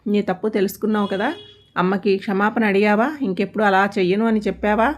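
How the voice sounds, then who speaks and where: A woman's voice: medium pitch, flat delivery, quick pace, natural voice. A woman doing a kindly old grandfather. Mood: gentle. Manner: patient, soothing advice. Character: kindly elderly grandfather, gentle and wise.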